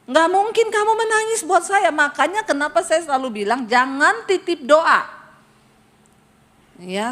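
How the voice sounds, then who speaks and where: Middle-aged woman preacher, higher voice, comic lively delivery, acts out quotes. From Sulawesi. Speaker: pastor. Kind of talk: humorous sermon.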